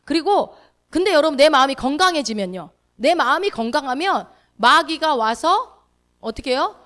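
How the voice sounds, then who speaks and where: A woman's voice: high voice, lively intonation, normal speed, fairly bright tone. A woman pastor giving a sermon, asking the congregation questions and then answering them herself, and acting out people's inner thoughts. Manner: acts out inner thoughts in quoted speech.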